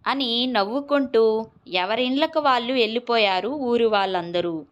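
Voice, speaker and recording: A woman narrating a children's moral story in a steady, expressive manner. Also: a little high, normal speed, dull audio.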